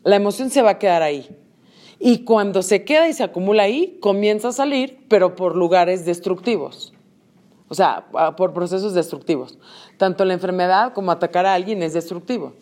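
A woman's voice: lowish voice, expressive, darkish tone. A woman, teaching a group in a conversational way and acting out short quoted lines. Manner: conversational, acts out quick quoted voices. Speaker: workshop facilitator. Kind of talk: teaching a group about emotions.

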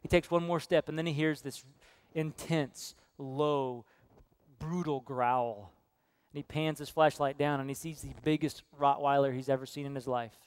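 Earnest male preacher, clear dry voice. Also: a little high, fairly even intonation, moderate pace, dry recording. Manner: earnest preaching, storytelling with hushed quoted voices. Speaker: pastor. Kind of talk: sermon. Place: church sanctuary.

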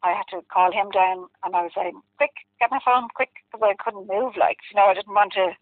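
A woman's voice: medium pitch, flat delivery, fairly quick, no echo. Woman, west of Ireland accent, candid casual storytelling, rambling, conversational fillers, dry narrow phone-like sound. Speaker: interviewee telling a personal story. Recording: muffled, dry phone-like line.

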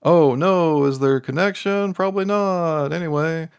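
A man co-hosting a casual video game podcast, talking animatedly and jumping into high excited voices when he quotes himself. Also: moderate pace, creaky, clean tone. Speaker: podcast co-host. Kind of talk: casual podcast chat about video games.

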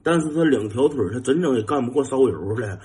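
A young man with a Northeastern Mandarin accent telling a funny anecdote in a lively, casual way, mimicking engine noises and chuckling. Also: mid-range voice, fast talker. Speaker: storyteller.

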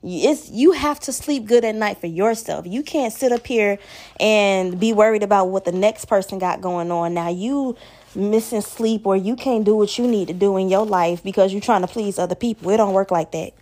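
A woman's voice: medium pitch, normal speed, darkish tone. A young woman hosting a solo podcast, giving blunt, profane advice in casual talk. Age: young adult. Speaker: podcast host.

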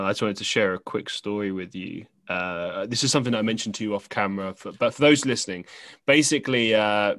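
A man's voice: on the low side, a bit bright, no echo. A young man from England, a podcast host telling a story in casual conversation, rambling with many fillers and restarts.

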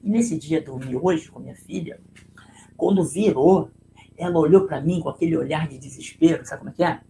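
A Brazilian man with a gravelly, creaky voice talks through a leadership lesson on a live stream. He tells a story in a loose, chatty way and keeps checking in with his listeners. A faint hum of room noise sits behind him. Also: fairly high pitch, moderate pace, mellow, poor audio. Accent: Brazilian Portuguese. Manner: conversational, tag questions, storytelling.

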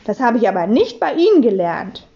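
A woman's voice: on the high side, very animated, fairly quick, mellow, dull audio. A woman voicing a clever schoolboy who answers matter-of-factly. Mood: confident.

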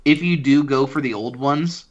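A man's voice: mid-range voice, moderate pace, highs cut off. A man co-hosting a casual podcast talk about books, speaking loosely and hedging his points. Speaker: podcast co-host discussing books. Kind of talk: casual chat.

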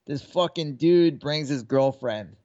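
He talks slowly, his voice on the high side yet dark in tone, captured in a dry, lo-fi recording. He's co-hosting a laid-back sports betting podcast, rambling through stories, cursing freely, and acting out what others said.

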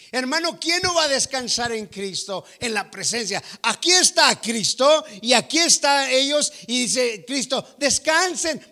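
A male preacher with a high, bright, forceful voice delivers a sermon. He talks emphatically, calls his listeners brother and keeps asking them rhetorical questions.

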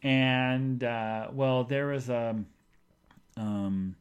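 A man hosting his own podcast, telling everyday stories in a rambling, jokey, animated way. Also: medium pitch, extremely slow, smooth. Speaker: podcast host. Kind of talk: casual storytelling monologue.

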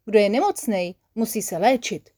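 Woman reader voices a caring female creature healer: warm-hearted, firm, instructive. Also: mid-range voice, lively intonation, close to an everyday voice. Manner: soothing yet firm, instructive.

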